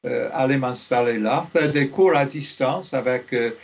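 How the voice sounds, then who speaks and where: An older man from Liverpool, a theology professor, speaking in a radio interview, slowly and with many hesitations. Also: mid-range voice, vocal fry. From Liverpool, England. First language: English. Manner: slow, halting, many fillers.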